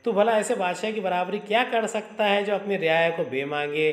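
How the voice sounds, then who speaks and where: A man's voice: high-pitched, a little fast, pitched above the performer's own voice, close to an everyday voice. A man reading as a fretful old mother. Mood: anxious. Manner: anxious, tender scolding. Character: worried old mother pleading with her son. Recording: roomy echo.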